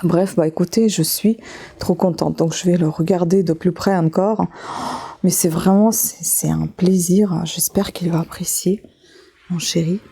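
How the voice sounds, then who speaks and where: Chatty woman vlogger with a warm voice. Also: lowish voice, fairly even intonation, a little slow, vocal fry, husky. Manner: chatty, hesitant, many fillers and restarts; talks straight to viewers while handling an object. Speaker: beauty vlogger. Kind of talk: casual unboxing vlog.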